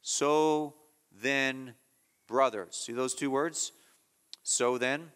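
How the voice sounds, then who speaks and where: Bright-voiced preacher man in a hall. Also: mid-range voice, fairly even intonation, extremely slow, clean tone. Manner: emphatic, repetitive, rises sharply on key phrases. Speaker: pastor. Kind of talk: expository sermon.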